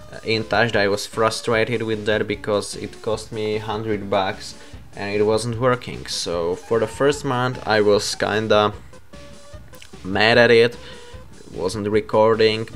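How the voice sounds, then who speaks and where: A young man talks casually to his viewers in English, stopping often to correct himself. His voice sits fairly low and he takes his time over each phrase. Faint music plays underneath. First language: Slovak. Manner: halting, with frequent self-corrections. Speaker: YouTuber. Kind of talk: casual vlog talk.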